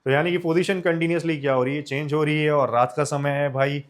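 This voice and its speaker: Young man from India, science teacher, slightly high voice, explains in Hindi and English, keeps checking students follow, drills with self-answered questions. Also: fairly even intonation, fast. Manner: asks questions and answers them himself, often says "ok na"; addresses students as children, mixes Hindi and English. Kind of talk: exam-focused science lecture.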